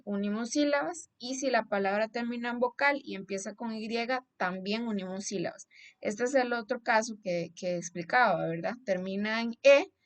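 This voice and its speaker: A young woman teacher with a Costa Rican Spanish accent explains a lesson slide in a medium-pitched, fairly bright voice. Patient and explanatory, she keeps checking that her students follow by asking "¿verdad?"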